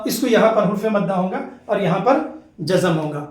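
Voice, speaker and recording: A man teaching a tajweed lesson. He repeats each rule and chants the example syllables slowly. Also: high voice, lively intonation, reverberant. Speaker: Quran recitation teacher. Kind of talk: tajweed lesson with slow drawn-out recitation examples.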